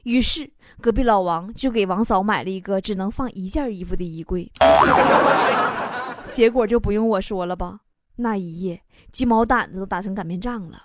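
A woman with a Northeastern Chinese accent hosting a comic monologue, chatty and laughing at her own jokes. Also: medium pitch. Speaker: comedy show host. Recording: loud background noise.

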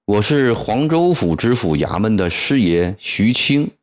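A man's voice: on the low side, very animated, unhurried. A man voicing a terrified middle-aged male clerk who begs for mercy in a tearful voice. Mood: pleading. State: tearful, pleading.

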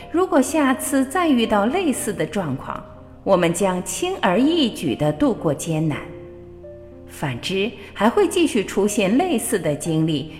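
A woman radio host giving a measured, expressive spiritual reading with storytelling. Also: mid-range voice. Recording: long reverb with faint background music. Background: faint music.

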